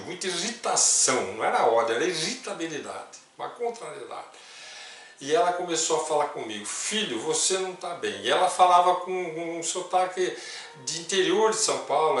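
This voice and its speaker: An older Brazilian man in his sixties giving a storytelling spiritist testimony, softly quoting others as he goes. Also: on the high side. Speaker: spiritist speaker. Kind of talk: personal testimony talk. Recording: distant mic with heavy room echo, faint music.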